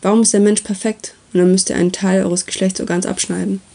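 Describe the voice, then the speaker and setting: A woman voicing a patient, wry male god who calmly explains and lectures in a story reading. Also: mid-range voice, creaky. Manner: calm, unhurried, explaining.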